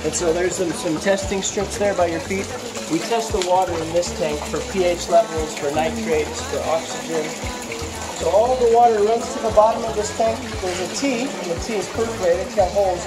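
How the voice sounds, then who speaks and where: A middle-aged man giving a casual outdoor tour of his fish farm, talking haltingly with many fillers and restarts. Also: high voice, low-quality recording. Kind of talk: casual walking tour explanation. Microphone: handheld camera nearby. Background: loud music added over the talk.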